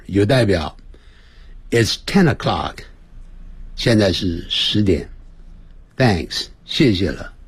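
A man teaching English on a radio lesson, explaining phrases and drilling pronunciation by stretching words out slowly. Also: mid-range voice, husky, no echo. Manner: switches between explanation and example phrases.

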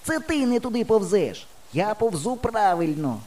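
A man voicing a cocky, quick-tempered village boy in an audiobook, bossy and quarrelsome. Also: high voice, very animated, voice pushed up. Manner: bossy, quarrelsome, shouting across distance. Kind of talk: audiobook character voice.

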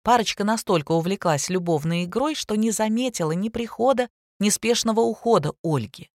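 A woman's voice: mid-range voice, lively intonation, brisk, darkish tone, no room sound. Woman reading a story, dry sound. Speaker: narrator. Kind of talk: scripted audiobook narration.

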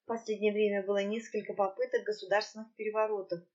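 A woman voicing a fierce, quick-tempered ancient female demiurge in an audiobook. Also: mid-range voice, flat delivery, darkish tone, lo-fi sound, lightly acted. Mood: indignant. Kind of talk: audiobook character reading.

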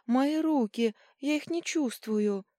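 A woman's voice: a little high, normal speed, no room sound, clean studio sound, pitched above the performer's own voice. A woman voicing an impulsive, curious young female gnome who speaks eagerly in an audiobook. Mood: panicked. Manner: eager, excitable. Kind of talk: audiobook reading.

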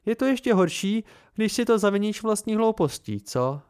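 A gentle, playful young woman with a soft lilt speaks in a raised, smooth voice, as a male amateur audiobook reader puts her on. She sounds a little weary, and her tone stays tender. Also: high-pitched, animated, pitched above the performer's own voice. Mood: teasing.

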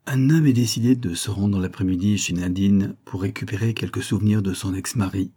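A man narrating an audiobook in a steady, measured reading voice. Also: fairly low pitch, breathy edge. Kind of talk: scripted narration.

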